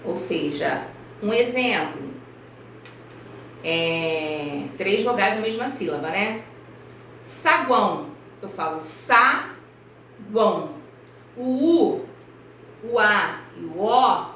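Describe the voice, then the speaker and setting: A woman primary school teacher from Brazil giving a recorded review lesson for children, speaking slowly and carefully and spelling out each example. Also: mid-range voice, a bit bright, a little hiss or hum. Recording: echoey room, voice far from mic.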